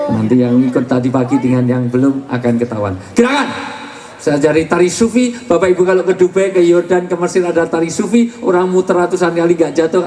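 A man's voice: on the high side, mellow. A middle-aged man who preaches to a live audience, making jokes and punchlines as he goes. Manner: joking, with punchlines and rhymes. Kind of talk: humorous sermon to a live audience. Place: large hall with audience. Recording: echoey hall, faint crowd noise.

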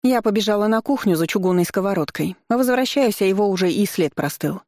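A reader voicing a loud, stout middle-aged woman who shrieks her complaints indignantly at an investigator. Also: medium pitch, expressive, fairly quick, no echo, studio quality, voice pushed up, natural voice. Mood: insistent.

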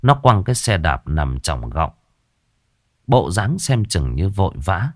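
A man narrating a horror story in a measured, expressive way. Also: low-pitched, no echo, clean studio sound.

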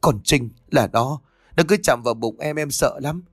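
A man's voice: moderate pace, no echo, studio quality, lightly acted. A man voicing a terrified young pregnant wife who pleads in a frantic, raised voice. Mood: frightened. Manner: frantic, high-pitched pleading.

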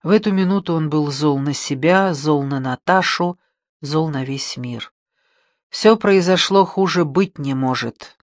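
A man narrating an audiobook in a low, calm, even voice. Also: measured pace, no echo, clean studio sound. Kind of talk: scripted narration.

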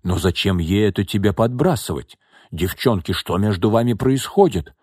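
A man voicing a blunt, brisk woman of the household who questions the girls sternly, in an audiobook. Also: fairly low pitch, darkish tone, breathy edge, dry recording, clean studio sound.

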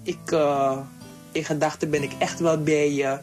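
A man recording a slow, comforting personal message to his family, played from an old cassette tape. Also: fairly high pitch, level tone, a little mellow, faint music behind. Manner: slow, comforting, fatherly reassurance.

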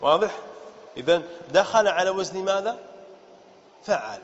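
A high-pitched man gives a classroom lesson, repeating each point and quizzing his listeners. He slows right down to spell out words. The recording sounds dull, with a long, echoey room reverb and a faint hiss behind. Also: lively intonation. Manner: explains step by step, repeats, quizzes listeners with questions. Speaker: sheikh teaching Arabic morphology.

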